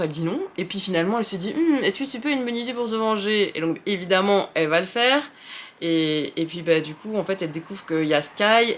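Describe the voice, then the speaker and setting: Chatty young Frenchwoman rambling about books. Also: medium pitch. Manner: rambling, many fillers and restarts; self-deprecating, chatty. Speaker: book video host. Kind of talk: casual chat about books.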